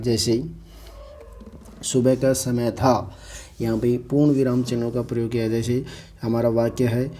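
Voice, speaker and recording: A man teaching an online exam-prep grammar lesson, explaining slowly and repeating himself, often asking the class questions he then answers. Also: mid-range voice, dark tone.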